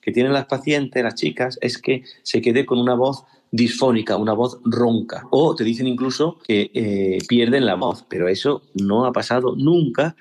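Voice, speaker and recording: A man's voice: mid-range voice, moderate pace, few pauses, a little mellow. Man, a surgeon explaining patiently. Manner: didactic, explains step by step. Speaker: ear, nose and throat surgeon. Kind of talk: explanatory interview answers.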